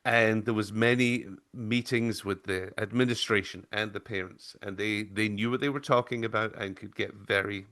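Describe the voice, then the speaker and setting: A man's voice: on the low side, steady tone, normal speed, hardly any pauses, a bit bright. A male podcast host and former teacher, interviewing a guest in an earnest, storytelling way. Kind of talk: casual interview talk.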